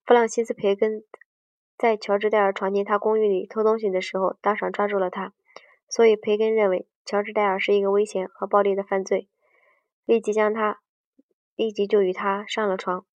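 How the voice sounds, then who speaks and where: Reading from a book in a flat, slightly mellow mid-range voice, a woman moves a bit fast but keeps tripping up, restarting lines and fixing her mistakes mid-sentence. The sound is dry, muffled, and far off.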